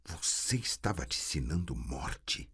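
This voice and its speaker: A man voicing a sorceress who shouts defiantly while straining to keep control. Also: rumbling low, sing-song, slow, slightly rough, exaggerated voice.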